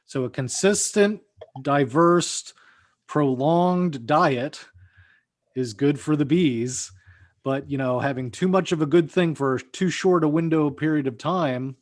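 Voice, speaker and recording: A man's voice: fairly high pitch, slow, no echo, studio quality. A man hosting an interview, introducing a guest and asking loose, friendly follow-up questions. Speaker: interview host.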